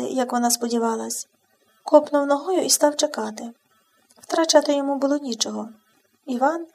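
High-voiced woman reading an audiobook. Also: a little mellow. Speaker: audiobook narrator. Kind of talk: audiobook narration.

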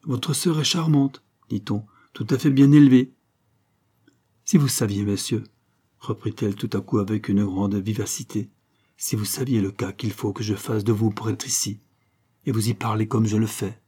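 A man voicing a gentle, tearful elderly noblewoman and grandmother in an audiobook, speaking with soft, earnest pleading. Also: fairly low pitch, fairly even intonation, normal speed, breathy edge.

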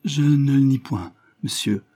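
A man's voice: mid-range voice, measured pace, dark tone, voice pushed up, close to an everyday voice. A man voicing a passionate young woman in an audiobook, given to pleading, sobbing outbursts. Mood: guarded.

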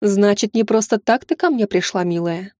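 A woman's voice: mid-range voice, normal speed, dry recording, studio quality, close to an everyday voice. Woman voicing a patronizing noble lady. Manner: smooth, condescending, softly amused.

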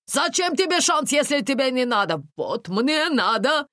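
A woman's voice: high-pitched, big pitch swings, moderate pace, a bit bright, dry recording, clean studio sound, pitched above the performer's own voice. A woman voicing a jovial middle-aged male bus driver who talks bluntly and familiarly, in broken phrasing.

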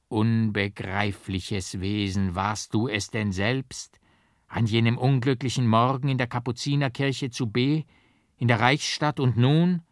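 A male audiobook reader narrating with careful emphasis and rhythm. His voice is low-pitched and the delivery very unhurried. The recording is close and dry, with no room sound. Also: no echo. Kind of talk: scripted literary narration.

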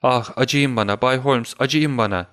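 A man's voice: mid-range voice, lively intonation, brisk, a bit bright, no echo, studio quality, voice pushed up, close to an everyday voice. A man voicing a proud, emotional noblewoman in an audiobook reading, raising his voice to play her. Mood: pleading. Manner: indignant, emotional. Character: proud noblewoman, defiant then pleading.

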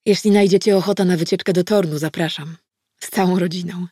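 A woman voicing a cheerful, slightly tipsy female friend in an audiobook, with a lively, bubbly manner. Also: on the low side, a little fast, no echo, clean studio sound, lightly acted. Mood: playful. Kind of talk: audiobook character voice.

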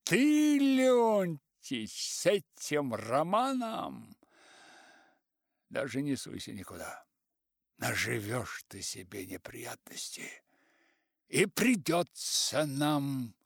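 A man voicing a self-righteous older male writer who lectures and shouts, loud and insistent, dragging his words out. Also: medium pitch, gravelly, no echo, studio quality, heavily acted. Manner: loud, preachy, slow and insistent.

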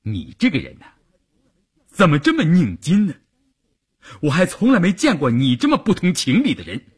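A man's voice: a little high, huge pitch swings, normal speed, breathy edge, voice pushed up, exaggerated voice. A man voicing an exasperated army officer scolding a stubborn comrade.

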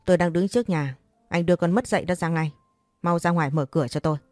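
Woman doing a vindictive middle-aged mother, loud, sneering, low-pitched, dry close sound. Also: quick pace, no room sound, soft background music, lightly acted. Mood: indignant.

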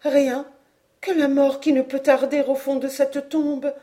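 A woman's voice: high-pitched, big pitch swings, moderate pace, darkish tone, pitched above the performer's own voice. A woman voicing a terrified despairing mother. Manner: anxious, pleading and tremulous. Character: frightened middle-aged mother, despairing.

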